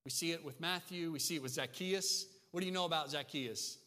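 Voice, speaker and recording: A man preaching a sermon as a pastor, talking in a conversational, animated way that swings between hushed and emphatic. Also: on the high side, fairly quick. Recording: long reverb of a large hall.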